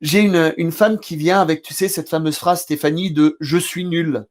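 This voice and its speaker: A man with a French accent, a therapy trainer, chatting with a colleague and telling session stories in an animated way. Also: a little high, normal speed. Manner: animated storyteller, acts out scenes loudly. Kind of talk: casual discussion between therapists.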